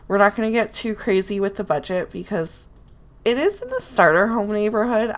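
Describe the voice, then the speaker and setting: This woman's voice is fairly low, with vocal fry and a cold-induced nasal, congested sound. A Sims building video creator, she casually narrates her build as she goes, chatting to herself.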